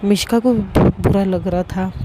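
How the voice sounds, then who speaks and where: A young woman narrating a serialized love story slowly and deliberately, often restarting her words. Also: mid-range voice, steady tone, very noisy. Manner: slow, deliberate, with frequent restarts.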